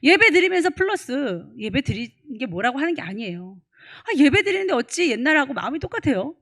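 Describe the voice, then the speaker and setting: A woman's voice: sits high, big pitch swings, a little fast, a bit bright. Emphatic woman pastor preaching. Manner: emphatic, rhetorical questions. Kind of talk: sermon. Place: church.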